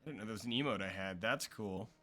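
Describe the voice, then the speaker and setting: A man's voice: lowish voice, fast talker, pushed and bright, faint music behind. A young adult man chatting casually as a streamer while playing, reading game text aloud. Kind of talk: casual gameplay commentary.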